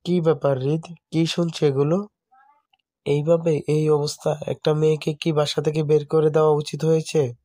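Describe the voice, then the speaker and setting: A man's voice: on the high side, level tone, normal speed, dark tone, no echo, clean studio sound, natural voice. A man voicing a concerned father who speaks steadily and reassuringly.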